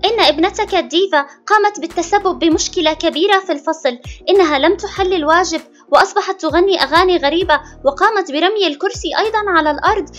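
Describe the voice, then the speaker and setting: A woman's voice: very high voice, fast, highs cut off, faint music behind, voice pushed down. A woman voicing a strict schoolteacher doll with a bossy, scolding manner. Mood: stern.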